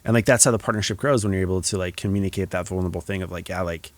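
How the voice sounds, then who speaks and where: A man hosting a podcast, talking in a reflective, soft-spoken way with many casual fillers. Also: sits low, steady tone, rapid-fire, no echo. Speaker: podcast host.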